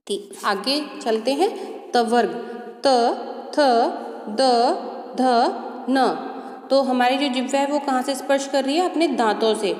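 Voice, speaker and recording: A woman's voice: sits high, reverberant, long reverb tail. A woman teaching a grammar lesson to children, drawing out sounds and asking her pupils questions. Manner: slow, drawn-out syllables, asks pupils questions.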